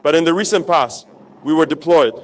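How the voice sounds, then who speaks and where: Rallying man's speech, slightly high-pitched. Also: brisk. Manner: exhortatory, with repetition and rhetorical questions. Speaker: military leader addressing troops. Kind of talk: rallying political speech to troops.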